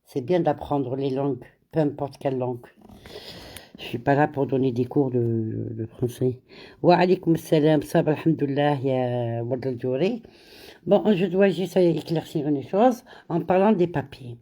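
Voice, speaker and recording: Low mellow-voiced woman chatting live. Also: measured pace. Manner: switches between French and Arabic, greets viewers by name. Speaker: live stream host. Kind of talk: casual live chat with viewers.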